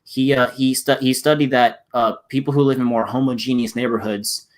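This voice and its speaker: A man's voice: medium pitch, steady tone, fairly quick. A man in a casual political discussion, rambling with many restarts and fillers. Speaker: channel host in a discussion.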